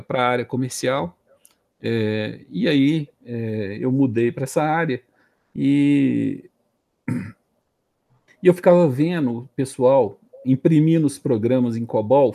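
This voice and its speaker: A man's voice: mid-range voice, gravelly, mellow. A man in his late forties with a Brazilian Portuguese accent, casually telling his career story as an interview guest, hesitating and repeating words as he thinks. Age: late 40s.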